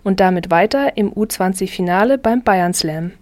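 A woman hosting youth radio, briskly announcing the next slam round. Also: mid-range voice. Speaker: radio host.

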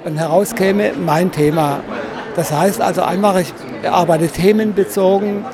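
A man giving an interview about his craft, explaining in deliberate, wordy, precise phrasing. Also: high-pitched, steady tone, a crowd in the background. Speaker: exhibitor and designer of paper models. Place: stand at a busy book fair. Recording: clear background noise of a busy fair.

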